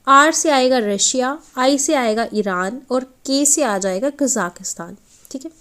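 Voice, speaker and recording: A woman's voice: high-pitched, measured pace, fairly bright tone. A woman teaching an exam-prep geography lecture over a map, asking her students questions and answering them herself, with frequent check-ins.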